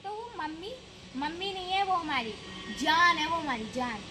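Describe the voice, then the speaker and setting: A woman with a very high voice, lecturing and arguing in a homemade comedy skit. Noise hangs behind her recording. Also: animated, moderate pace. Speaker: elder daughter-in-law in skit.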